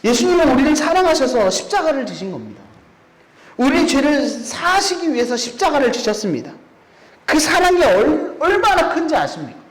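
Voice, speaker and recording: A man's voice: extremely high pitch, big pitch swings, fairly quick. A man preaching a sermon in a church, often putting rhetorical questions to the congregation. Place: church sanctuary. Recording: echoey church room.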